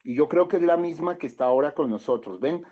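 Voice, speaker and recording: Colombian pastor preaching, slightly high voice. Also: male voice, lively intonation, fast. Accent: Colombian Spanish. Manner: reads quotes aloud, then comments with chuckles and questions. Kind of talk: sermon reading and commenting on scripture. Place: church hall. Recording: dull lo-fi church recording.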